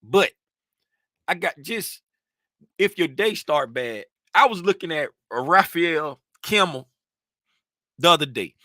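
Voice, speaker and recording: A man's voice: fairly high pitch, animated, slow, pauses often, pushed and bright, no echo, studio quality. A worked-up man hosting a trading channel, ranting animatedly to his viewers in a casual way. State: worked up and sweating.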